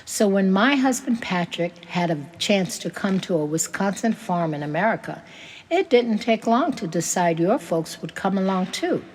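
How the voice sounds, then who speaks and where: A woman voicing a grieving older immigrant farm woman, telling old family memories in a gentle, tearful way. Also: medium pitch, sing-song, moderate pace, slightly rough, in a large hall. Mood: wistful.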